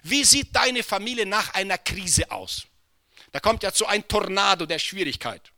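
A male pastor preaching a sermon, swinging from hushed, near-whispered lines to loud impassioned cries, with English exclamations dropped into his delivery. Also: high voice, animated, moderate pace, no room sound.

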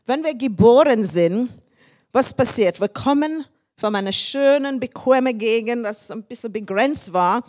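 Woman, sermon, animated storytelling, frequent laughter, fairly high voice. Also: unhurried. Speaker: preacher.

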